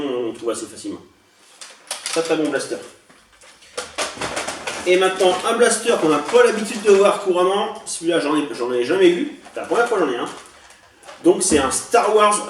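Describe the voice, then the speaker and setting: A man with a fairly high voice chats casually and a little hesitantly, stopping often to correct himself. He sounds a bit far from the mic in an echoey room. Faint background noise and clicks from handled toys sit behind him. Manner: chatty, hesitant, many fillers and self-corrections. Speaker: toy collector showing a haul. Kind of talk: casual unboxing vlog.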